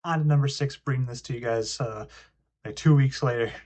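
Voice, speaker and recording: A man's voice: medium pitch, fairly quick, a little mellow. A young man hosting a casual card game review, reading card text aloud between frequent ums and uhs. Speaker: card game video host.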